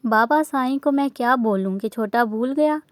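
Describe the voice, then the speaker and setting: A woman taking on a stern older brother in a storybook reading, firm and businesslike. her voice sits on the high side, recorded close and dry. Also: moderate pace, dry recording, natural voice. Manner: firm, questioning.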